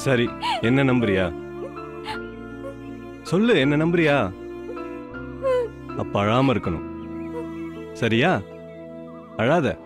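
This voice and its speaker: A man's voice: mid-range voice, very animated, slow, long pauses, over music. An actor playing a protective young man who soothes a crying woman and speaks tenderly to her. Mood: soothing. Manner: soothing, earnest. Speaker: hero of a film. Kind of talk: film drama acting. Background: loud film score.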